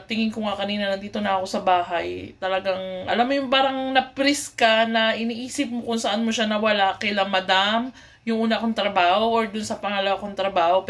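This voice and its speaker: A woman from the Philippines telling a story to her viewers in a casual, chatty way, mixing in English with many fillers and restarts. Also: medium pitch. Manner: polite, addresses viewers often. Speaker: vlogger.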